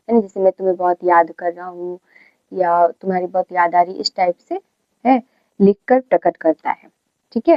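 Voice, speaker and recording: A woman teaching a grammar lesson at mid pitch. She repeats key words and keeps checking in with her students. The recording is muffled and dry, with no room sound. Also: dry recording.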